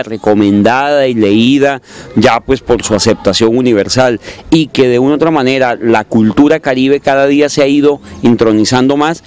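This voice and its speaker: A man of middle pitch thinks aloud in a measured, hesitant way, circling back to restart his phrases. The sound is dull and lo-fi, like an old local radio tape. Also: a little mellow, smooth. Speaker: interviewee. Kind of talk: reflective spoken commentary. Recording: dull lo-fi recording.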